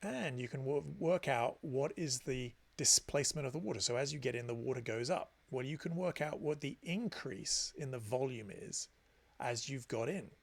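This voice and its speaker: Gravelly-voiced man teaching a meditation class. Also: mid-range voice, lively intonation, normal speed. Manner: chatty storytelling with self-deprecating asides; gives friendly explanations with frequent restarts. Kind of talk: informal class talk.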